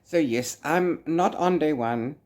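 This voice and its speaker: Speaking slowly, a man with a higher, darkish voice rambles through a casual reading vlog. His book-vlogger chatter is playful and theatrical, drifting off into "blah blah" and "la-la."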